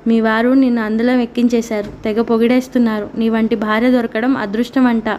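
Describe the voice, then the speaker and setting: A woman's voice: fairly high pitch, level tone, fairly quick, a little mellow, slight background noise, natural voice. A woman reading the lines of a proud, teasing rich woman who is a little jealous, in a storybook. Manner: teasing, provoking.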